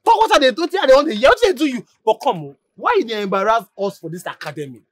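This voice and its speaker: An actor in a film drama playing a student who loudly taunts and scolds a classmate, in a Nigerian Pidgin accent. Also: male voice, extremely high pitch, very animated, fast talker, no echo, full character voice.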